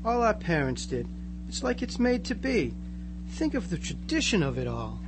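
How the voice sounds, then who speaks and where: Over clear noise and hum, a man plays a teenage small-town boy in a live radio drama, blissfully converted and eerily placid. His highish voice swings widely and lively at normal speed as he reassures with gushing earnestness.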